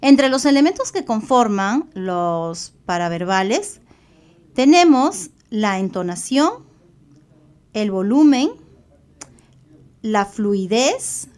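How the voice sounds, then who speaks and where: A woman with a Peruvian Spanish accent delivers a recorded online psychology lecture. Her voice sits somewhat high, and she explains step by step, pausing on fillers and correcting herself now and then. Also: lively intonation, darkish tone, smooth.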